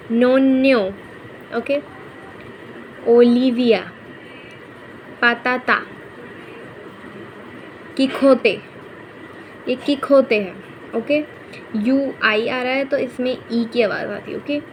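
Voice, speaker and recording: A woman's voice: on the high side, a little hiss or hum, poor audio. A woman teaching a Spanish pronunciation lesson in Hindi, repeating each example word patiently and saying "okay" often.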